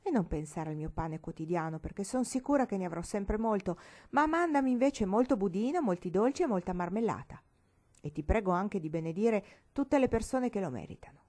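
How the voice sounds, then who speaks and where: Una donna che legge dà voce a una bambina prepotente e sfacciata, con tono canzonatorio e saccente. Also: female voice, medium pitch, expressive, brisk, warm tone, natural voice. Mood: bossy. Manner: teasing, self-important. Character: bossy cheeky little girl. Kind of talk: audiobook reading.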